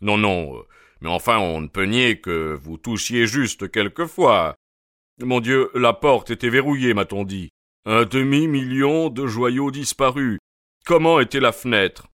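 A man voicing a stout, pompous police inspector with a husky, hoarse, breathless voice and a blustering, hemming manner. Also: mid-range voice, a little slow, a bit bright, dry recording, clean studio sound, lightly acted.

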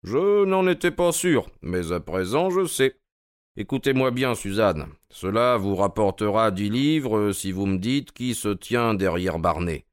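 A man's voice: on the low side, lively intonation, a little slow, clean tone, no room sound. A man playing an ironic, probing detective in an audio drama reading. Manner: dry, mocking, probing. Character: sharp, ironic male detective, middle-aged.

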